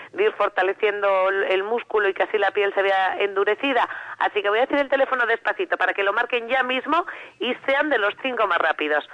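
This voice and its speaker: A woman from calling in to a radio show, giving a chatty, persuasive sales pitch over the phone. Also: no echo. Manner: chatty, persuasive, friendly diminutives. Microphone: telephone. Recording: muffled phone line.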